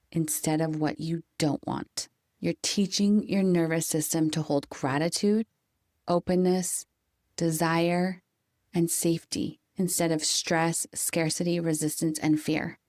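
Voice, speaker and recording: A woman hosting a podcast, giving a calm, coaching motivational talk with deliberate, slowed emphasis. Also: deep voice, dry recording, studio quality. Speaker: podcast host. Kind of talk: scripted motivational monologue.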